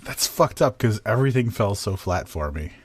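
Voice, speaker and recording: A man co-hosting a podcast, talking bluntly in halting, stop-start sentences and swearing freely. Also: on the low side, animated, breathy edge. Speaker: podcast co-host. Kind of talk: casual book review chat.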